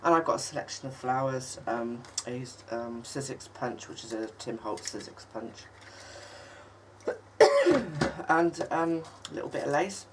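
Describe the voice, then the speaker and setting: Hosting a casual crafting tutorial on her channel, a woman with a bass voice, husky and croaky from a lingering cold, is very animated as she works through a project. Her talk is rambling and halting, with frequent ums and an occasional cough. She sits a bit back from the mic, so faint noise and a slight hiss come through.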